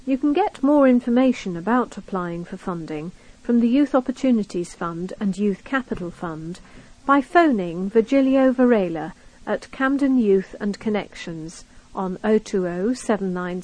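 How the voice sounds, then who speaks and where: British woman, medium pitch, reading out community news articles for a recorded magazine, scripted narration. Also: a little mellow, poor audio. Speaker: reader of a recorded local magazine.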